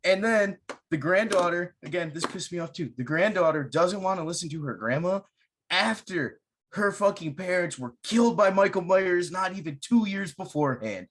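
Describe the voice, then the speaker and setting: A man's voice: high voice, moderate pace. Profane young man ranting about a movie. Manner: profane, animated storytelling. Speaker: podcast host. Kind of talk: casual movie review chat.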